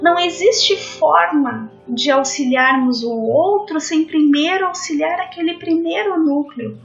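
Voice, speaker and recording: High-voiced woman giving a slow devotional talk. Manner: earnest, addresses listeners as friends. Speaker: spiritist lecturer. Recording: dull lo-fi audio with faint music.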